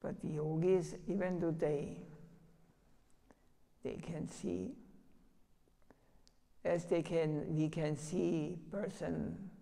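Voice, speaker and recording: A very slow, deeply gravelly older man preaches to a gathering, his tone dark and mellow. He tells stories in halting, broken English, and his voice rings with the long reverb of a temple hall. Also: steady tone. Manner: halting, storytelling, broken non-native phrasing. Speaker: spiritual teacher. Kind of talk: sermon.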